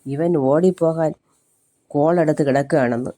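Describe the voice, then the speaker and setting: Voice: mid-range voice, normal speed, mellow, natural voice. A reader voicing a blunt scolding old mother. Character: blunt sharp-tongued older mother.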